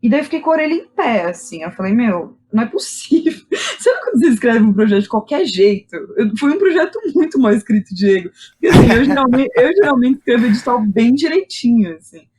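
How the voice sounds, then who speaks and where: This Brazilian playwright and director, appearing as a podcast guest, shares personal stories candidly and informally, leaning on slang and tag questions. Her voice sits on the high side and is a little mellow, swinging widely in pitch as she talks briskly.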